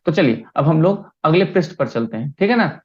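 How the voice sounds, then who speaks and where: A male primary school teacher leads an online lesson, his voice pitched a little high. He talks patiently and keeps pausing to check that the children follow. The sound is dull and lo-fi, like a video call. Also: lively intonation, darkish tone.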